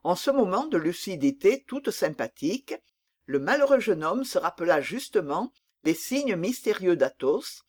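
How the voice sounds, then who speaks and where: An expressive narrator reads a classic novel aloud in a steady literary delivery. The pitch rises and falls with lively movement. Each long sentence is shaped with care.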